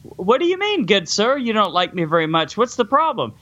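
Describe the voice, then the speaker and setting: A simpering, overly polite young delinquent pleads in a high, bright voice, as a man puts him on. The audio is dull and lo-fi. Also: very animated, a little fast. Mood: pleading.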